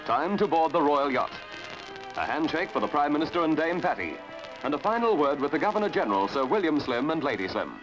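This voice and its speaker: A man giving crisp, declamatory 1950s newsreel commentary with dramatic emphasis, as an old newsreel narration. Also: on the high side, big pitch swings, a little fast. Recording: dull lo-fi 1950s newsreel soundtrack with music.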